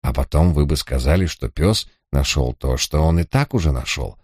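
A man's voice: extremely low pitch, animated, moderate pace, a little mellow, husky, no echo, studio quality, voice pushed down, full character voice. A man playing a careful village priest. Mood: persuasive. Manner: careful, persuasive. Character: cautious male village priest, middle-aged.

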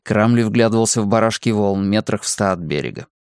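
A man narrating an audiobook in the first person, wry and lively. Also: lowish voice, brisk, clean tone, no room sound, studio quality.

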